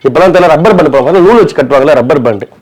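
Man, Chennai Tamil accent, high voice, rapid speech, argumentative comedy bickering, colloquial, repetitive. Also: lively intonation, a little mellow, poor audio. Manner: colloquial, argumentative, repeats himself. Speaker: comedy skit performer. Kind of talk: improvised domestic comedy skit, bickering.

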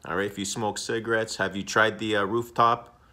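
A man in his thirties casually chatting on a smoking vlog, rambling and repeating himself with many pauses, recorded in a room on a webcam. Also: fairly low pitch. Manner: rambling, repetitive, relaxed, with many uhs. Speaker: smoking vlogger. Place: indoor room.

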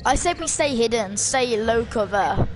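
A woman's voice: fairly high pitch, expressive, normal speed, music in the background. A woman giving casual commentary as she plays a video game. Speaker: gamer commentator. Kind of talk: casual let's play commentary.

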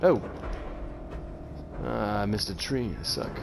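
A man hosting a casual gameplay video, self-deprecating and given to excited outbursts while he plays. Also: lowish voice, slow pace, vocal fry, over music.

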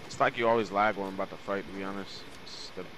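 Low-voiced male gamer, noisy voice chat. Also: fairly even intonation, fast. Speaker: gamer, duo teammate. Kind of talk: casual in-game chat. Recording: noisy voice chat with game sound.

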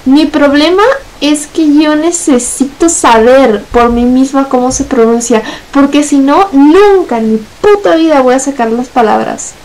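A young woman with a Mexican accent chatting casually on a stream, blunt and swearing a lot, talking in long rushed runs. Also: high voice, darkish tone, low-quality recording. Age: young adult. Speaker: guest on a gameplay stream. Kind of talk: casual chat.

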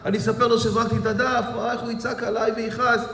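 A man's voice: extremely high pitch, flat delivery, a bit bright, reverberant, long reverb tail, pitched above the performer's own voice. A man voicing a worried, crying mother who laments anxiously, within a sermon story. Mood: distraught. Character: worried crying mother fearing her husband.

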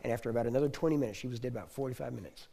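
In a teaching hall, a male preacher teaching on healing recounts his personal testimony sermon-style, in a mellow, darker, gravelly mid-range voice that races along. His storytelling is intense, circling back to repeated phrases and building to loud declarations.

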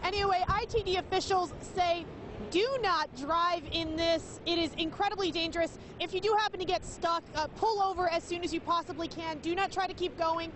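A woman reports live from outdoors, urgent and emphatic. Her voice is very high, against clear wind noise. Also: steady tone, fairly quick. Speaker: field news reporter. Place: outdoors in a dust storm. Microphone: handheld microphone.

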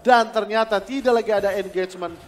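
A man commentating live on a mobile game match as an excitable esports announcer. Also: high voice, fast talker. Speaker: esports shoutcaster. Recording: echoey hall, clear background noise.

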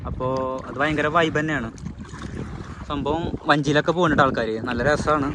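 Male vlogger, higher-pitched, excitable slangy with English mixed in, noisy waterside recording. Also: fairly quick. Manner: excitable, slangy, mixes English words into Malayalam. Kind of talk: casual outdoor vlog chat. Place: outdoors at a river, partly in a canoe. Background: water, wind and boat noise.

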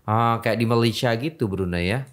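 A man's voice: medium pitch, normal speed. A man hosting a casual reaction video, talking chattily and often tagging his sentences with "guys".

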